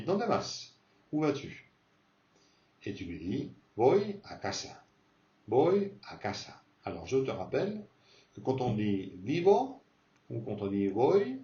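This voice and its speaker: A man teaching a beginner Spanish lesson, repeating words slowly to model pronunciation. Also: medium pitch, mellow, echoey room, far from the mic, dull audio.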